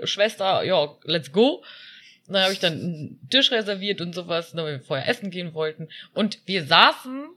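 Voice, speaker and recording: A woman with a bright, clear voice is chatting casually as a podcast co-host. She is talkative and quick to laugh, and she often answers with brief remarks while her partner talks. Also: fairly low pitch. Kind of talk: casual chat.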